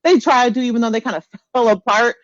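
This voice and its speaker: A woman co-hosts a podcast, chatting casually and with strong opinions, repeating phrases emphatically to hammer her points home. Her voice is fairly high and she talks fast. The recording is close, dry, dull and lo-fi.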